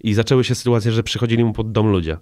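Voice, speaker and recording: A man's voice: lowish voice, steady tone, fast, a little mellow, no room sound, studio quality. A middle-aged man, a stand-up comedian, chatting loosely in an interview, swearing often and leaning on "you know" fillers. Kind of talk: casual interview chat.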